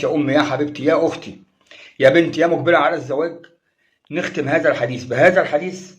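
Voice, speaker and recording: Fast-talking Egyptian preacher man, lo-fi. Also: mid-range voice, a little mellow. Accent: Egyptian Arabic. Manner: emphatic, exhorting. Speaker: religious preacher. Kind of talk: colloquial sermon. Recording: dull lo-fi recording.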